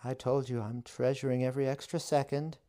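A man voicing a witch who speaks deadpan and teasing, with a wry edge. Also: medium pitch, brisk, voice pushed up, natural voice. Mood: resigned. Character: wry, deadpan witch facing death, woman.

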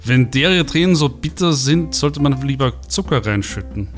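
A man's voice: mid-range voice, expressive, normal speed, faint music behind. A man co-hosting a radio comedy show, mumbling his words through absurd banter. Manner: mumbling, spirals into gory rants.

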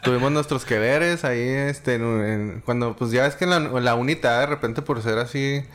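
A man's voice: mid-range voice, normal speed, fairly bright tone. A man hosting a casual podcast over beers, joking and slangy, with lots of fillers and restarts. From Chihuahua, Mexico. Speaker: podcast host.

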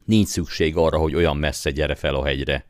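A man's voice: extremely low pitch, steady tone, no room sound, clean studio sound. A man voicing a proud young male master in an audiobook, with clipped, commanding, haughty speech. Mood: haughty, calm. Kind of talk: audiobook character voice.

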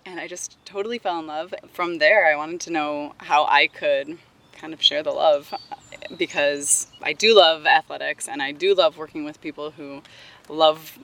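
A woman giving a casual, informal interview outdoors as a guest, talking somewhat haltingly. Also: low-pitched, steady tone, a bit bright. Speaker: interview guest, Pilates studio co-owner.

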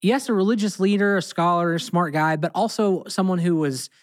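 Here the American co-host speaks briskly in a voice that sits high. Teaching during a casual Bible chat, he's emphatic and sincere, leaning on repeated phrases for weight.

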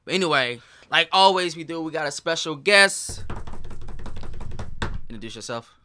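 A man's voice: a little high, lively intonation, normal speed, pushed and bright, slight background noise. A man hosting a podcast in loose, rambling casual chat, laughing often. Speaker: podcast host.

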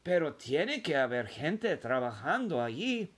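A man's voice: fairly high pitch, sing-song, slow pace, a bit bright, husky, full character voice. A man voicing a curious, impatient young boy asking questions. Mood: eager. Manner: eager, questioning.

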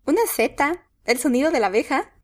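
A woman's voice: sits high, lively intonation, a little fast. A woman co-hosting a bilingual pronunciation lesson, giving the English word for each prompt and repeating it. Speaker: co-host answering as student.

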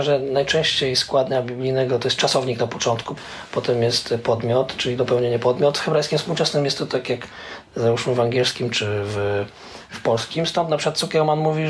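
A man explaining things in an interview, pausing often with filler sounds as he thinks. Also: medium pitch, a little hiss or hum. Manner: hesitant, many filler "e" pauses. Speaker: interviewee, Hebrew scholar. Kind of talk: conversational explanation.

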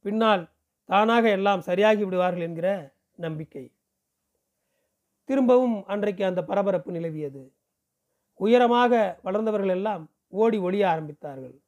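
High-voiced male audiobook reader. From Pondicherry, India. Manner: steady storytelling delivery. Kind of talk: reading a novel aloud.

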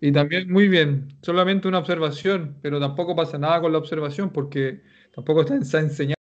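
A man's voice: a little high, fast talker, lo-fi sound. Joking Chilean man teaching Japanese. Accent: Chilean Spanish. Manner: relaxed, joking, explanatory. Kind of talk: online class feedback.

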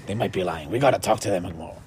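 A man voicing a male dwarf digger who is suspicious and worried, repeating his doubts in a much lower voice than his own. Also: fast talker, a little mellow, a little hiss or hum, lightly acted. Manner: anxious and doubtful, repeating himself.

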